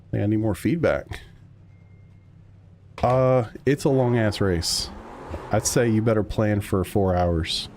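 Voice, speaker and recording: A man's voice: lowish voice, background noise. Laid-back man chatting on a racing stream. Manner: laid-back, rambling, answers chat. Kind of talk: casual live-stream chat while racing.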